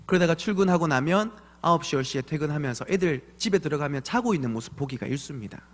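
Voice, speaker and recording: Pastor guy in his 30s preaching, high-ish voice, super animated, big echoey church hall. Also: fast. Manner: animated storytelling with acted voices of his kids. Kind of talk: evening church sermon. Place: church sanctuary. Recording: long church hall reverb.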